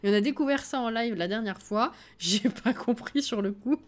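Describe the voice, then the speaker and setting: A woman streamer talks casually through a building session, laughing often and answering her chat as she plays. Her voice sits a little high. Faint game music plays under her desk-mic recording. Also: normal speed. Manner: chatty, laughs often, reads chat aloud. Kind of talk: casual live-stream chat while playing.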